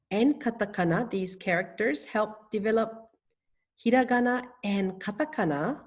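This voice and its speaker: A woman teaching a language lesson, speaking slowly and deliberately and spelling out words syllable by syllable. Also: a little high, lo-fi sound. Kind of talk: scripted lesson narration.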